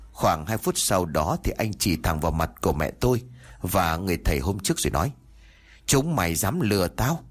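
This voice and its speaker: A man reading a first-person ghost story aloud with expressive narration. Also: deep voice, husky.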